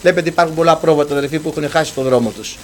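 A man preaching a sermon, addressing his listeners as brothers and reading scripture aloud, swinging between loud proclamation and hushed speech. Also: on the high side, slight background noise.

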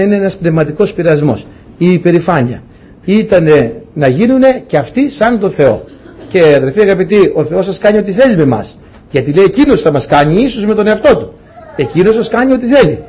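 A preacher with a husky, slightly high voice speaks to his congregation. His sermon is conversational, and he acts out the people in his anecdotes. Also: darkish tone.

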